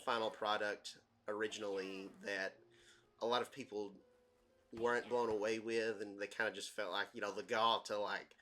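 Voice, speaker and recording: A man's voice: on the low side, little pitch movement, normal speed, sharp tone, slight background noise. A young man casually rambling through let's play commentary, full of fillers and self-deprecating asides. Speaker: gaming channel host.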